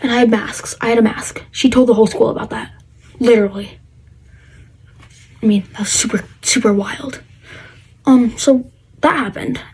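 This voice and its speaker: Teen girl vlogging her life story, high husky voice, lots of ums and likes. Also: steady tone, normal speed, long pauses, a little mellow, poor audio. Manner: rambling with many fillers and restarts. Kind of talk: casual storytelling to camera.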